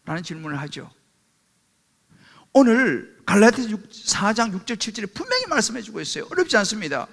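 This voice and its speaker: A man's voice: sits high, huge pitch swings, brisk, creaky, a bit bright. A middle-aged male pastor preaching a sermon with emphatic rhetorical questions, calling on the congregation for amens.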